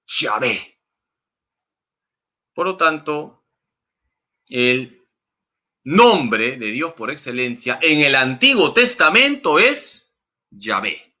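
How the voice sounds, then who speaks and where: Bright-voiced priest teaching slowly. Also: male voice, mid-range voice, very animated. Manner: emphatic and didactic, repeats key points. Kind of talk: Bible teaching talk.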